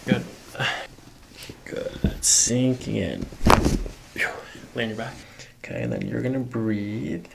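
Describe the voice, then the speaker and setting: In a small carpeted treatment room, a thirtysomething chiropractor guides a patient through a hands-on exam, giving instructions and asking short check-in questions. His mid-range voice stays steady, slow and creaky, with frequent pauses. A boom-arm mic sits near the table, and the recording is very noisy.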